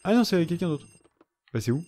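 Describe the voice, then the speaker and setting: A man's voice: on the high side, very animated, a little fast, dark tone. A young man giving casual gameplay commentary, chatting to the characters on screen and swearing in jest. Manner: chatty, talks back to game characters, swears jokingly. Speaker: let's play gamer.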